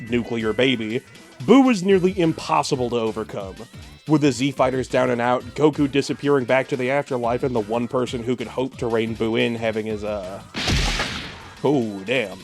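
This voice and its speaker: Man, mid-pitched voice, scripted storytelling narration, wry delivery, soft music underneath. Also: normal speed. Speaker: show co-host. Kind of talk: scripted versus-show narration. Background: faint background music.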